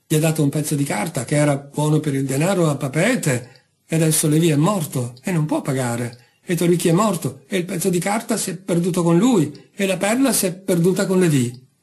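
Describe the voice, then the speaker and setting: A man's voice: a little high, brisk, a little mellow, husky. A man voicing a worried island husband in a read-aloud story, earnest and flustered. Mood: resigned. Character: frightened, worried island husband, pearl diver.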